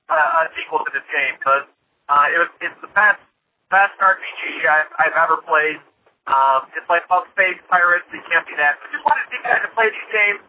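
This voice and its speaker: Phone-line caller, man, fairly high voice, rambling and halting, calling from a car, tinny clipped line. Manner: rambling, hesitant with many fillers. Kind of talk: voicemail message to a podcast. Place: in a moving car.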